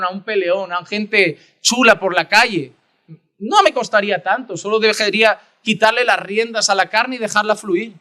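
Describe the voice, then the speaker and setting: Male pastor, high bright voice; earnest sermon with shifts between emphatic and hushed prayer.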